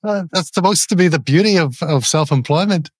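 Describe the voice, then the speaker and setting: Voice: medium pitch, expressive, a little fast, breathy edge, no room sound, clean studio sound. A podcast host, asking questions in a friendly, easygoing way. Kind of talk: casual interview chat.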